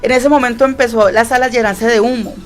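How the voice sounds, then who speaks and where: A woman tells an emotional testimony in a fairly high voice. She talks earnestly and leans on repeated phrases. Soft music plays faintly behind her. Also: steady tone, fast. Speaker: guest sharing her testimony.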